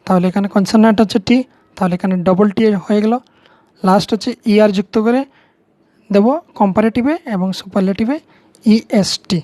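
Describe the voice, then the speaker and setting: A woman's voice: mid-range voice, a little fast, dark tone, no room sound. A woman with a Bengali accent, patiently explaining English grammar to students step by step, repeating key words. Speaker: teacher.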